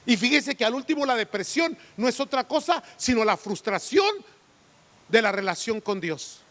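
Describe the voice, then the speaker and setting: A man's voice: very high-pitched, expressive, moderate pace, fairly bright tone. A man, preaching a sermon as pastor, full of rhetorical questions. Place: church sanctuary. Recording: long church hall reverb.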